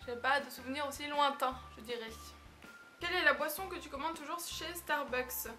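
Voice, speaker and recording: Young woman, vlogger, bright tone, relaxed and giggly. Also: sits high, moderate pace, soft background music. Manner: chatty, relaxed, laughs often, many fillers. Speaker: beauty vlogger. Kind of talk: casual vlog answering tag questions.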